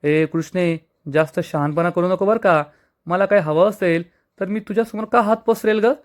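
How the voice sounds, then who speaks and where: A man's voice: high voice, fairly even intonation, normal speed, natural voice. Man reading as a rude defiant young woman. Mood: scornful. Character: arrogant, hot-tempered young woman.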